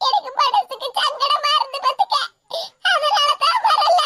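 A woman voicing a grieving old grandmother in an animated cartoon, speaking with a Tirunelveli Tamil accent in a shrill, tearful way. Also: measured pace, no room sound, full character voice. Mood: sorrowful.

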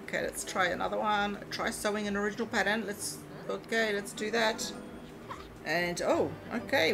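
In this casual gameplay commentary, a let's play host plays a mobile game and reads out its prompts. She has a medium-pitched, creaky voice and a mixed, mostly Australian English accent over an Eastern European first language, and the background is noisy.

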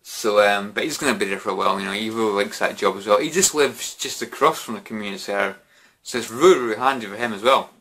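A man's voice: on the low side, quick pace, bright, forceful tone. A young British man, drunk, chatting casually in a rambling, repetitive way to camera, often saying "you know". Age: young adult. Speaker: vlogger. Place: small bedroom at home.

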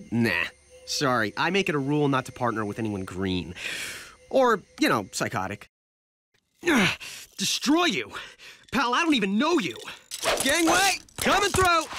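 An actor voicing a wisecracking teenage male superhero in a cartoon, quick joking banter full of sarcastic quips. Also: high-pitched, pushed and bright, a little hiss or hum, heavily acted.

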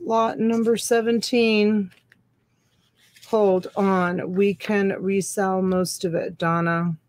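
A middle-aged woman hosting a live online auction from a room at home, counting items and calling bids slowly on a webcam. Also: medium pitch, level tone, darkish tone, no room sound.

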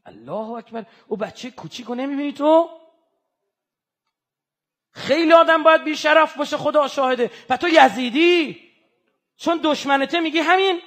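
A man giving an impassioned religious sermon, moving from hushed, mournful passages to loud, fervent outbursts. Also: very high-pitched. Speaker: religious speaker.

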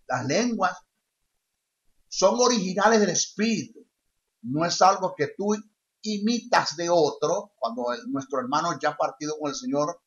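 A man's voice: on the high side, a bit bright. A male preacher teaching a sermon emphatically, repeating his key phrases. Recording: dull lo-fi sound.

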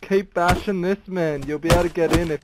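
A man's voice: high voice, steady tone, fairly quick, loud music behind the voice. A young man talking informally in a multiplayer game, swearing freely. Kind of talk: casual multiplayer game chat. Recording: very noisy game voice chat.

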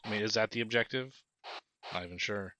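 A young man talks over a headset with a bright, forceful edge to his lowish voice. He jokes and swears casually with his squad, a little winded as he keeps moving. It sounds like relaxed game chatter. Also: a little fast. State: out of breath. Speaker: squad grenadier in a military sim game.

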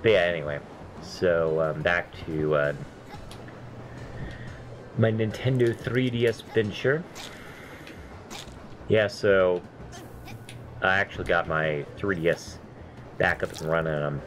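This gameplay commentator, deep-voiced and nasal, wanders through memories in loose asides, mocking himself and cursing whenever he dies on a missed jump. He takes his time, leaving long pauses, and steady hiss underlies the casual let's-play audio.

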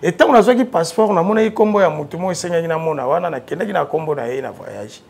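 A fast-talking man with a gravelly, high-sitting voice and a Congolese French accent tells animated stories about his music career, seated on a sofa in a TV studio. He mixes French and Lingala casually, gets loud when excited, and there's slight background noise.

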